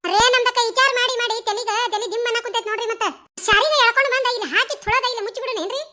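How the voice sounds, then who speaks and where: Female voice actor: squeaky, piercing cartoon village women, North Karnataka Kannada accent, rapid chattering delivery. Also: steady tone. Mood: anxious. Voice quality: very high, bright and shrill. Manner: fast, chattering village talk. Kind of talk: cartoon dialogue acting.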